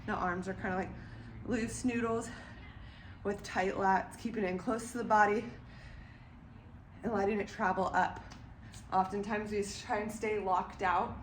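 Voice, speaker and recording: A young woman, a vlogger and former weightlifter, offers casual coaching tips in her home garage between sets, slightly winded and nasal-sounding from congestion. Her mid-range voice is steady, at normal speed with frequent pauses. The camera sits away from her, so the garage audio is distant, echoey, and noisy.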